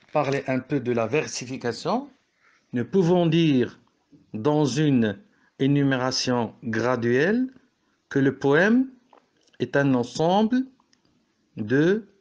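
A man's voice: medium pitch, expressive, takes it slowly, pauses often, darkish tone, dull audio. A man from Morocco teaching a French poetry lesson, explaining step by step and correcting himself as he goes.

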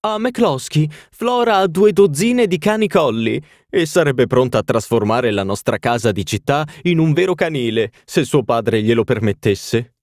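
A man voicing an elderly society duchess, smug and complacent, with a raised and drawn-out delivery. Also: lively intonation, darkish tone, no room sound, clean studio sound, lightly acted. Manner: raised pitch, drawn-out phrasing. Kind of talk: audiobook reading.

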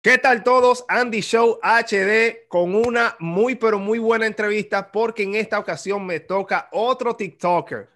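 Bright, teasing Dominican man hosting. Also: high-pitched, a little slow, hardly any pauses, faint music behind. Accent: Dominican Spanish. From Dominican Republic. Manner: teasing, joking, slangy. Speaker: interview host. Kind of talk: casual interview on a video call. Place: small room indoors. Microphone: video call.

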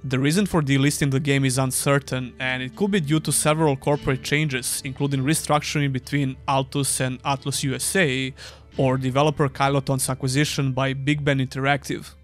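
A man's voice: medium pitch, steady tone, fairly quick, faint music behind. Sarcastic young man reviewing games. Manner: dry, sarcastic. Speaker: gaming YouTuber. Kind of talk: scripted game review voice-over.

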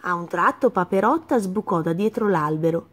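Woman gently reading a children's story. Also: on the low side, lively intonation, normal speed.

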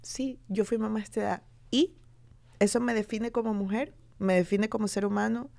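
Being interviewed, a television presenter from Ecuador, a woman in her thirties, recounts her experiences openly at a moderate pace. Her medium-pitched voice has vocal fry, and she animatedly performs what others said.

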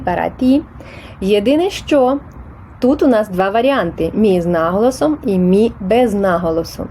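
A woman's voice: mid-range voice, dark tone, slight background noise. A woman explaining Spanish test answers in Ukrainian, patient and methodical, with small hesitations and restarts. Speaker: Spanish teacher.

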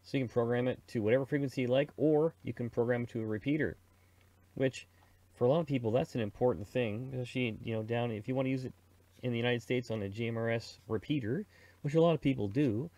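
A middle-aged Canadian man quickly talks through a radio software tutorial in a casual screen recording, chatty and slangy, voicing his own thoughts. The mid-range voice has a dark tone, and the recording is dry.

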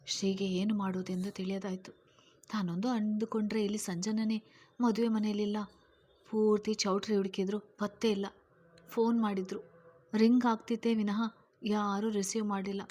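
Woman storyteller, flat monotone, measured, steady storybook reading. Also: medium pitch. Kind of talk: storybook narration.

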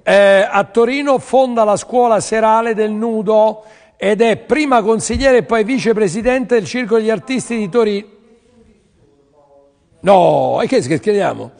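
On a televised art auction, a presenter pushes buyers to purchase paintings, repeating his lines to urge them on. His voice is high-pitched and a little mellow, and he keeps a measured pace in what sounds like a large hall.

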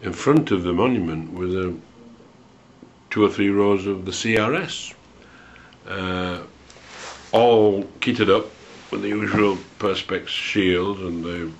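A man in his sixties telling a personal memory, unhurried and hesitant, with a dry, wry humour. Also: sits low, gravelly, a little hiss or hum. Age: 60s. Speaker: storyteller recalling a student memory. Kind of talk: unscripted spoken memoir. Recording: dull lo-fi home recording.

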